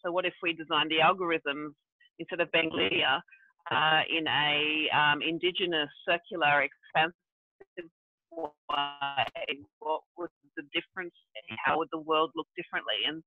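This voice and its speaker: Raised in Brazil and South Africa, this regenerative development practitioner thinks aloud as a guest on a video call, using many fillers. Her voice is deep and unhurried, with no echo, and the audio sounds tinny, dry and phone-like.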